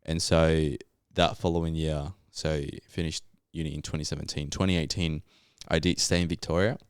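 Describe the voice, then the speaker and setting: Deep-voiced young Colombian man, smooth and laid-back. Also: little pitch movement, normal speed, no echo, clean studio sound. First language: Spanish. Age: young adult. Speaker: podcast guest, geologist. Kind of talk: casual interview storytelling.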